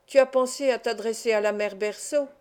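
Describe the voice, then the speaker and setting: A woman's voice: fairly high pitch, brisk, a little mellow, clean tone, close to an everyday voice. A woman reading the part of a kind, proud older market woman in an audiobook. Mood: chaleureux.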